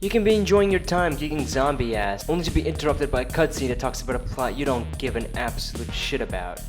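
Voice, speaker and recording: A man narrates a video with casual, informal opinion commentary, tossing in the odd sweary, playful aside. His mid-range voice is lively and fast, with background music playing under it.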